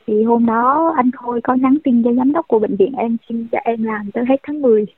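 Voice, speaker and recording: A woman doctor in her thirties calls in and answers earnestly, in a chatty way with lots of small fillers. Her fairly high voice comes through a tinny, dry phone line. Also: brisk, no room sound. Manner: earnest, conversational, many fillers. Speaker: young doctor guest. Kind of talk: phone interview. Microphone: telephone.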